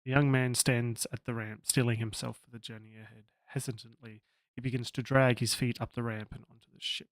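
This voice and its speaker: A man's voice: medium pitch, little pitch movement, brisk, dry recording. A man with an Australian accent streaming a video game, reading its story text aloud in a casual, self-mocking way.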